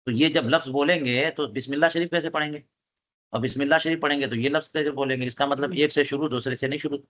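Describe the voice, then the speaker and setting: A man's voice: medium pitch, fairly even intonation, a bit bright. Urdu-speaking man teaching a religious text. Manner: explains text line by line, asks students questions; reads Arabic passages aloud then explains them. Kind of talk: classroom text commentary.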